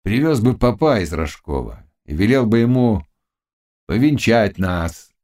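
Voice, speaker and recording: A man voicing a brooding, passionate young Cossack warrior in an audiobook, speaking low and earnestly. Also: sing-song, unhurried, a little mellow. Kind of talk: audiobook character reading.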